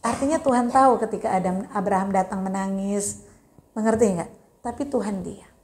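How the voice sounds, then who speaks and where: A woman pastor preaching a sermon in church, telling the story with lively acted-out voices and big swings in her delivery. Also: medium pitch, normal speed, slight background noise.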